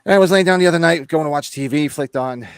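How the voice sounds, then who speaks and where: On a casual horror-movie podcast, an American man with a smooth, somewhat high voice talks at a quick pace. He's rambling and blunt, tossing in some swearing, and his voice is still recovering from being lost.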